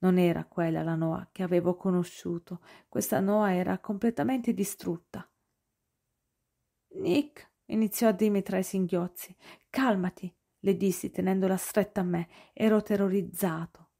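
A woman's voice: on the low side, steady tone, moderate pace, vocal fry, few pauses, warm tone. A woman reading an audiobook in a dramatic narration style. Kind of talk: scripted narration.

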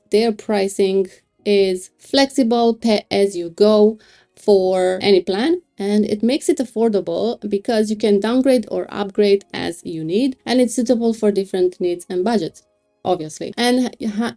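A woman talks through hosting plans over a screen recording, unhurried and thinking aloud. Her voice is mellow and dark-toned, with light music playing faintly behind. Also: mid-range voice. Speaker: web hosting reviewer. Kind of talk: screen-recorded product walkthrough.

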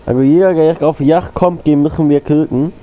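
A man with a fairly high pitch and fairly even intonation speaks briskly in narrow, tinny audio. He hosts a gaming channel and has a cold, coughing now and then as he rambles casually about his gameplay, repeats himself, and calls his viewers friends.

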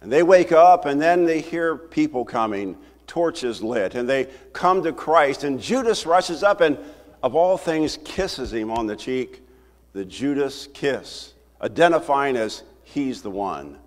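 An older man preaching a sermon from a church pulpit, talking to the congregation in a conversational, animated way. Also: medium pitch, unhurried. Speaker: pastor. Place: church sanctuary, at a wooden pulpit. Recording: roomy hall reverb from the sanctuary.

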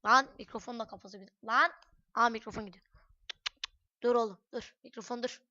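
High-voiced cursing game commentator. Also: female voice, steady tone, brisk, no room sound, highs cut off. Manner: chatty, cursing, bursts into loud shouts. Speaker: gaming channel host. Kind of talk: let's-play commentary. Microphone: headset microphone.

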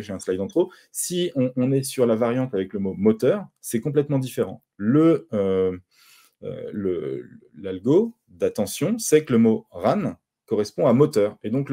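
A man with a dark, mellow voice presents at a conference, walking through his slides. He explains things patiently, often pausing and restarting his sentences. He sounds middle-aged, a native French speaker lecturing to an audience. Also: on the low side, sing-song. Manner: explanatory, with frequent hesitations and restarts.

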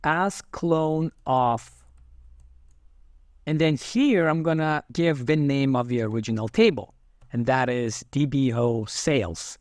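A man narrating a screen-recorded software tutorial, explaining each step calmly and methodically as he types. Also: medium pitch, slow, no room sound. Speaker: software instructor.

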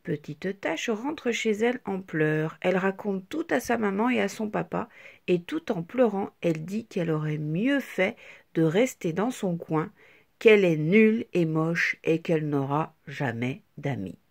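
A woman reading a children's picture book aloud in a slow, expressive way. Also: on the low side, vocal fry. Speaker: storyteller.

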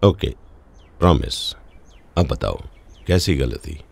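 A man's voice: very deep voice, animated, takes it slowly, vocal fry, husky, full character voice. An actor dubbing a wary young male writer in a romantic film, dry and suspicious in his questions. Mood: wry. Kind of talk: Hindi film dub.

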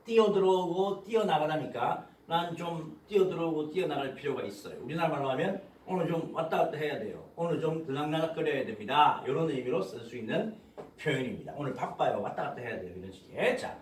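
A man teaching an English pronunciation lesson to students, modeling phrases slowly and explaining quickly. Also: a little high, lively intonation, distant mic, slight background noise. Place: classroom with students. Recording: echoey room, voice off-mic.

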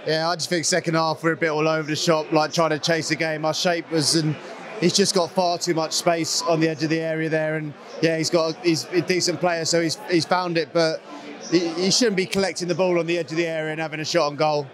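A man's voice: on the high side, little pitch movement, fairly quick, a crowd in the background. A young man giving plain, level opinions on a match as a guest in a casual football chat, on a handheld mic. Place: small studio set with a painted wall backdrop.

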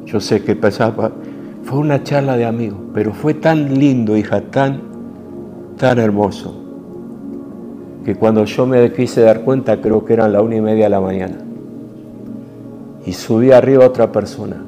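A man with a Rioplatense Spanish accent preaching a sermon in an intimate, emotional way, moving from soft hushed passages to forceful rises. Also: on the low side, normal speed, long pauses, music in the background. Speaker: apostle preaching.

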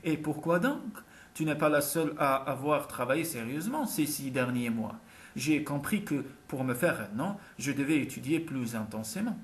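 A woman's voice: rumbling low, lively intonation, moderate pace. A man reading an audiobook, voicing a confident, teasing young woman singer who is set on getting what she wants. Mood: determined. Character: self-assured ambitious young woman singer. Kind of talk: audiobook character voice.

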